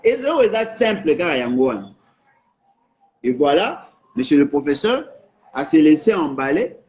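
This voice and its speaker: A man speaks French with a Congolese accent, his voice sitting notably high. He argues insistently in a political monologue, hammering the same points again and again and slipping into Lingala phrases. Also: big pitch swings, measured pace, darkish tone. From Democratic Republic of the Congo.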